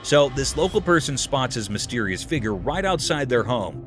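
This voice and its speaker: A man's voice: medium pitch, very animated, moderate pace, fairly bright tone. A man giving a scripted narration in a chatty, folksy storytelling tone. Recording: clear music bed behind. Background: music.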